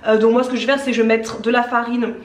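A woman's voice: on the high side, little pitch movement, very fast. A woman in her thirties in her home kitchen, chatting casually as she shows a breakfast recipe step by step, with many fillers. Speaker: cooking vlogger. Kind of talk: casual cooking demonstration. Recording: echoey kitchen with faint noise.

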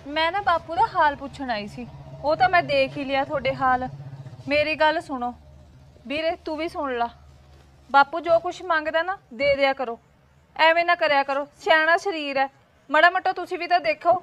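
Woman doing a bossy daughter, high voice, scolding her brother. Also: moderate pace, fairly bright tone. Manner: scolding, stern. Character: stern grown daughter defending her father. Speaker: married daughter visiting her father.

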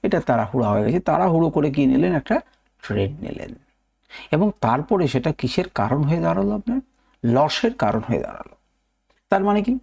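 A middle-aged man gives a lesson, with a gravelly, husky and mellow voice. His pitch moves up and down a lot. He stresses his key words by repeating them and asks his listeners questions he then answers. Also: sing-song, fast. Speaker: trading teacher. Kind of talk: lecture video.

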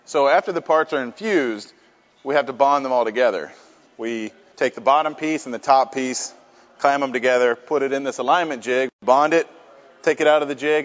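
A man's voice: medium pitch, muffled recording. Man giving a casual factory tour. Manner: friendly, plain-spoken, with frequent uh fillers. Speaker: company tour guide. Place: workshop and offices, indoors.

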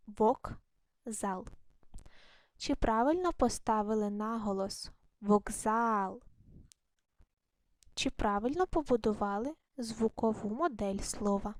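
A woman teaching a primary school video lesson, speaking slowly and clearly to children in an encouraging way. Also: a little high, a little mellow, no room sound. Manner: slow, clear, encouraging classroom delivery.

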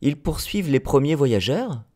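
Earnest young boy prince, gentle and wondering, read by a man, lively storybook delivery. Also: fairly high pitch, moderate pace, voice pushed up. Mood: curious.

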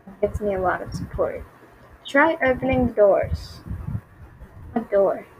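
A woman's voice: medium pitch, lively intonation, measured pace, dull audio, a little hiss or hum. A young woman giving nervous game commentary, repeating herself and reacting to jump scares. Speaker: gaming YouTuber.

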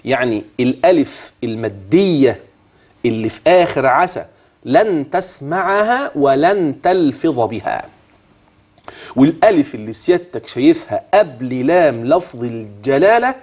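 A middle-aged man with an Egyptian Arabic accent teaching tajweed on a TV lesson, quizzing the viewer and modeling slow chanted recitation. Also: mid-range voice, very animated, darkish tone, breathy edge.

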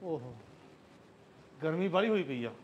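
A man's voice: fairly high pitch, animated, a little slow, muffled recording, a little hiss or hum. A man playing a stern village father. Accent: Punjabi. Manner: gruff, commanding, softens to pleading. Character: stern village father, strict about daughter's honor. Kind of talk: village drama acting.

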